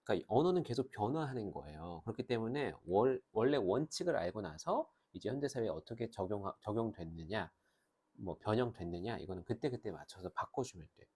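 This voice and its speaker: Animated husky-voiced male grammar teacher. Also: on the low side. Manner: animated, switches between Korean and slow, drawn-out English phrases. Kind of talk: lively classroom lecture.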